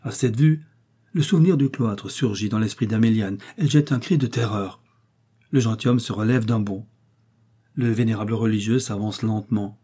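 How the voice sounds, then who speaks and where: A man's voice: on the low side, moderate pace, warm tone, husky. A man narrating an audiobook of a historical romance in a lyrical, dramatic reading style.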